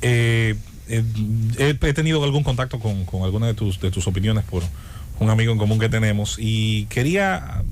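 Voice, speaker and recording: A man's voice: fairly low pitch, lively intonation, normal speed, a little hiss or hum. A man, hosting a radio interview and putting his points to the guest in a conversational way. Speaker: radio host.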